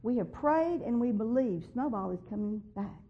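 A woman's voice: a little high, lively intonation, moderate pace, slightly rough. A woman giving an earnest personal faith testimony, growing emphatic when she repeats what she believes God told her. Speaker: testimony speaker. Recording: dull lo-fi recording.

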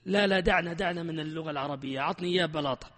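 A man's voice: a little high, racing, a bit bright, big-room sound, voice pushed down, lightly acted. A man voicing a plain-spoken adult student who says he knows nothing and bluntly begs to be taught simply. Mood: pleading.

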